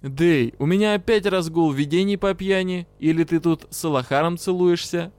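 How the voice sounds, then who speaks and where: A man doing a blunt, gruff dark elf. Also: on the high side, moderate pace, dry recording, voice pushed up, natural voice. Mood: teasing. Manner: gruff, teasing, bluntly scolding. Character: brash, blunt male dark elf partner. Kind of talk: audiobook character voice.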